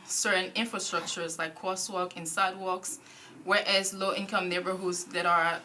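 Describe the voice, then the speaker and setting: A young woman from Haiti answering interview questions as a board nominee, measured and full of small pauses. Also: on the low side, bright, forceful tone, poor audio. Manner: measured, frequent ums. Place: council committee room.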